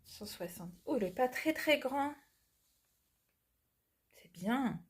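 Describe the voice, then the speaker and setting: A woman with a stuffy nose from a cold, chatting casually through a craft unboxing and often dropping to a soft murmur. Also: sits high, expressive, slow, breathy edge. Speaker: cross-stitch vlogger.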